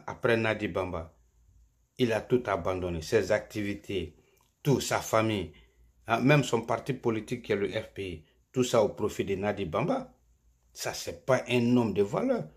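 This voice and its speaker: A man delivering a scolding political monologue, insulting his listeners and rising to emphatic peaks. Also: lowish voice. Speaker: political commentator.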